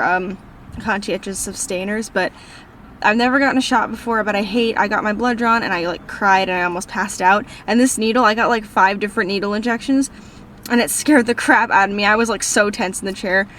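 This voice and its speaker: Brisk and medium-pitched, with a fairly bright tone, a teenage girl from Minnesota chats through viewer questions in a casual vlog from her parked car. She's a book vlogger with a northern accent, bubbly, rambling and self-deprecating, and a little hiss or hum sits under the recording.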